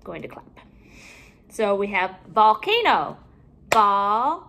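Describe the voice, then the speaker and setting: Woman teacher, higher voice, drawn-out careful phonics lesson for little kids, recorded at home. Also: lively intonation, fairly bright tone, slight background noise. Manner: slow, deliberate, stretched-out enunciation of each word. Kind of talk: phonics lesson for young children.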